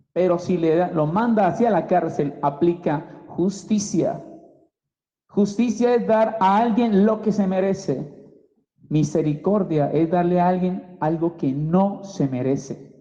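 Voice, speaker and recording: Male preacher teaching scripture, unhurried and deliberate, mellow tone, heard through a dull, muffled recording. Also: sits high. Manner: slow and emphatic, repeats key words. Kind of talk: Bible teaching sermon. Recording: dull, echoey hall recording.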